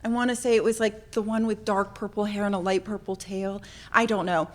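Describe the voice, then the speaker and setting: With a medium-pitched voice and a slightly fast pace, a central Florida woman originally from Norway shares her addiction recovery story informally with a group. She is candid and self-deprecating, and acts out moments with animation.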